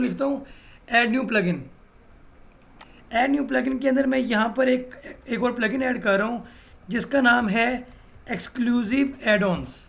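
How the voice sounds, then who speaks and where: A man's voice: extremely high pitch, vocal fry, a bit bright. A man teaching a step-by-step screen-recorded web design lesson, often adding "भाई" as he explains. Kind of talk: screen-recorded software tutorial.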